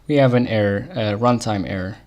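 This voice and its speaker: A man with a fairly low voice and an Arabic accent works through code problems on a live stream, thinking out loud in mutters and brief laughs.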